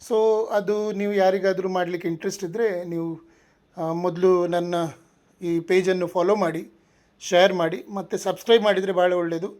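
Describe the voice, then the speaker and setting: A male language teacher with a noticeably high-pitched voice runs through vocabulary in a steady, rhythmic drill. He says each form twice before moving on, then shifts into plain, instructive explaining. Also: a little fast.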